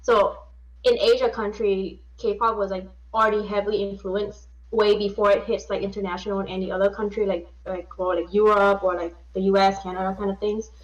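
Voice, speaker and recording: A woman's voice: medium pitch, level tone, fairly quick, muffled recording. A woman from Vietnam, chatting casually on a podcast in a hesitant, self-deprecating way with many fillers. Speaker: podcast co-host. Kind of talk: casual chat. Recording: distant mic.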